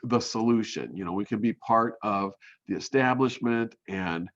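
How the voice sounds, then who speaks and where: A man teaching graphic design in a recorded demo, talking in a halting way with many ums and restarts. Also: lowish voice, a bit bright. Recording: muffled lo-fi audio.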